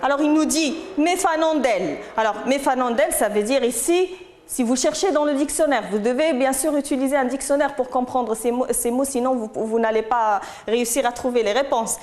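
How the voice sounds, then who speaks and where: A woman teaching a French lesson, explaining slowly and patiently and checking in with her students as she goes. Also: high voice, a little mellow, roomy sound. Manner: explains patiently, slow and repetitive, asks "d'accord?". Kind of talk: recorded lesson.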